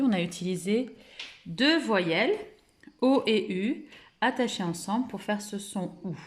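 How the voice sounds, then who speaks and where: A French woman teaching young children to read, slowly stretching out and repeating syllables and offering praise. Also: mid-range voice. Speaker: primary school teacher. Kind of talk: slow, careful reading lesson for young children.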